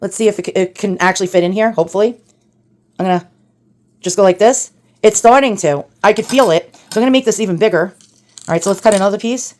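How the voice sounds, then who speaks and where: A woman's voice sped up until it turns chipmunk-like, talking viewers through a fiddly fix at a middling pitch. She chats casually and wryly, thinks out loud as she goes, and keeps calling her audience boys and girls. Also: quick pace. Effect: sped-up playback, chipmunk-like. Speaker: antique collector and hobby restorer. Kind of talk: casual hands-on repair narration.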